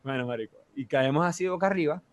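Young Venezuelan man, casual storyteller, quick and slightly high-voiced, animated with sound effects. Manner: animated, with vivid sound effects and constant slang fillers. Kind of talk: casual chat.

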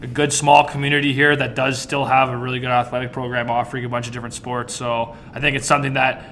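A man's voice: medium pitch, flat delivery, fast, pushed and bright, slight background noise. A man in his twenties hosting a casual podcast in a jokey, teasing way. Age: 20s. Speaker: podcast host.

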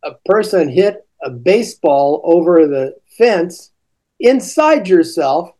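An older man, a teaching coach, explaining classroom ideas slowly in a relaxed podcast conversation. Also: fairly high pitch.

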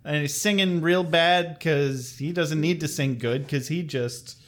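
A man's voice: fairly high pitch, measured pace, a bit bright. A man co-hosting a podcast, recapping an episode in a rambling, jokey and profane way. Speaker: podcast co-host.

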